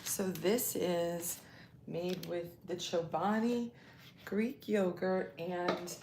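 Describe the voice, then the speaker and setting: A woman's voice: on the low side, steady tone, extremely slow, a little hiss or hum. A woman hosting a casual cooking livestream from a home kitchen, thinking aloud and unsure as she works. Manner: hesitant, thinking aloud while working. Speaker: lifestyle channel host. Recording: echoey room with loud kitchen clatter. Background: dishes and cutlery clatter.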